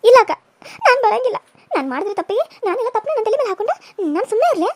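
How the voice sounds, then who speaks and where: A woman's voice: very high-pitched, lively intonation, racing, a little mellow, no room sound, voice pushed up. A woman voicing a tearful, indignant young bride who protests shrilly. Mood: defiant.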